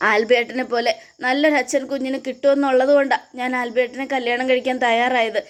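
Tearful pleading young mother, voiced by a woman, high voice, serial recap. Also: level tone, brisk, natural voice. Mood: desperate. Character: desperate young mother pleading for her child.

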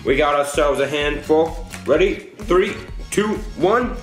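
A man's voice: fairly high pitch, expressive, unhurried, a bit bright, faint music behind. A teenage young man casually commentating on a challenge while eating sour candy, groaning as he reacts. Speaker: vlog host. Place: small indoor room at home, seated at a table. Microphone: camera a short distance away. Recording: echoey room, distant camera mic.

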